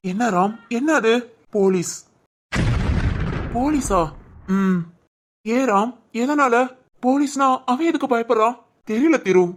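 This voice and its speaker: A woman voicing the members of a homemade family drama in an emotional, conversational way. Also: mid-range voice.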